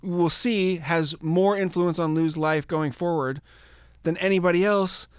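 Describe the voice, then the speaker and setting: A man's voice: sits high, steady tone, measured pace, clear, resonant tone, no echo, studio quality. A man hosting a podcast, telling a story in a casual, profane, rambling, jokey way. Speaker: podcast host.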